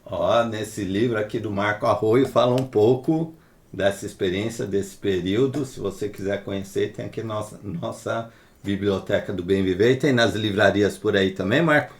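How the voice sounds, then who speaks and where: A man's voice: lowish voice, moderate pace. A man hosting an interview, asking long, winding questions in a conversational way.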